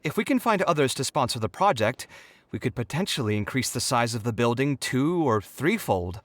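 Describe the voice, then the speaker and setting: Kaveh, a lively young architect, voiced by a man. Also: medium pitch, moderate pace, a little hiss or hum, close to an everyday voice. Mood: thoughtful. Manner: expressive, concerned, animated. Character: young male architect, passionate and expressive. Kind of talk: video game voice acting. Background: game music.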